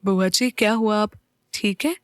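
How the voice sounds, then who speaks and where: A woman voicing a gentle, caring middle-aged housewife consoling an elder in an audio story. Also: medium pitch, unhurried, clean tone, no echo, studio quality, natural voice.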